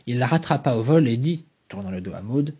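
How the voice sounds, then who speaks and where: A man reads a novel aloud in a soft, measured voice. His tone is dark and very husky. The home recording sounds slightly dull. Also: mid-range voice, animated. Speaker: reader.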